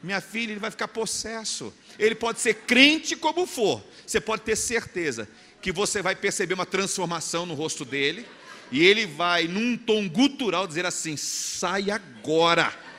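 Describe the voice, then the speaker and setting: A man's voice: sits high, normal speed. A man with a Brazilian Portuguese accent preaching a sermon as pastor, telling stories vividly and acting out the scenes. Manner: animated storyteller, acts out scenes. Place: church hall. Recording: long church reverb, faint room noise.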